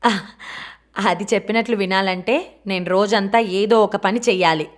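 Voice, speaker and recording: A woman's voice: mid-range voice, close to an everyday voice. A woman voicing a careless, jobless young man who talks dismissively, in an audiobook. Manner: dismissive, quick.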